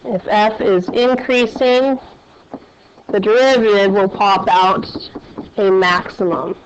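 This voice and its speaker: A woman's voice: medium pitch, steady tone, slow, a little hiss or hum. A woman math teacher lecturing a class and quizzing her students with questions as she goes. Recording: dull, lo-fi classroom recording.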